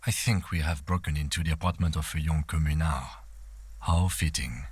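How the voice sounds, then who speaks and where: An actor playing a calm, reserved police lieutenant in a video game, speaking in measured understatement. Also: male voice, a bass voice, breathy edge, dry recording. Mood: dry, measured.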